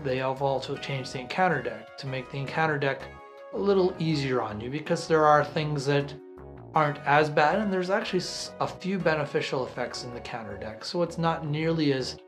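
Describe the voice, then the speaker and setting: Man chatting about a board game. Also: on the high side. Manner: talks things through at length, restarting phrases. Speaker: co-host reviewer. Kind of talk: casual review chat.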